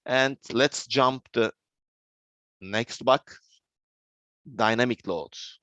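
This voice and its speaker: Male university lecturer, Turkish accent, mid-pitched, unhurried and halting, restates key terms for students. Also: sharp tone, dry recording, muffled recording. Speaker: civil engineering lecturer.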